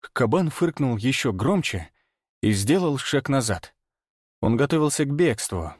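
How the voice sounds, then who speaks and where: A man narrates a first-person audiobook in a tense, hushed, steady voice. His pitch sits in an ordinary middle range. The recording is dry and close. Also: measured pace, no room sound.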